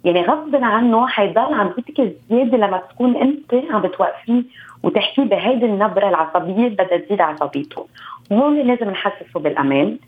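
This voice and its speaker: A woman with a Lebanese accent gives calm, instructive advice as a guest expert. She talks briskly and explains point by point. Her voice comes through a thin, phone-like line. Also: medium pitch. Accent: Lebanese Arabic. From Beirut.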